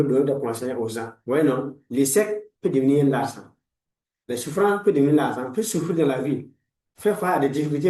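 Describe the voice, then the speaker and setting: A man's voice: mid-range voice, darkish tone, reverberant, distant mic, rough recording. A man in his forties, a life coach giving a motivational talk in a preachy, repetitive way, full of blessings. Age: 40s. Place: room lined with books, indoors.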